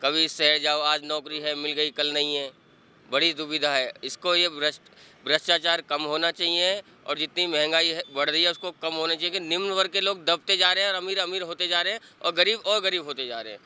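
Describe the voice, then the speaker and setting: A man's voice: fairly high pitch, fairly even intonation, fairly quick, sharp tone, clear, resonant tone. A young man in a street interview, an unemployed engineering graduate making an earnest appeal. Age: young adult.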